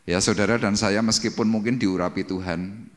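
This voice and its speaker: Pastor preaching in echoing hall. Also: male voice, lowish voice, fairly even intonation, moderate pace. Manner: dramatic preaching with acted-out cries and sound effects. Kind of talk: Pentecostal sermon. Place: church hall. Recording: long church-hall reverb.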